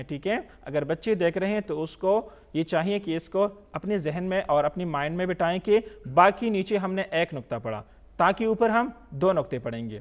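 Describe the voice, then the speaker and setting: A man teaching a Quran reading lesson, asking questions and answering them himself, drawing out each letter as he recites it. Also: high voice. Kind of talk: slow teaching lesson with call-and-repeat recitation.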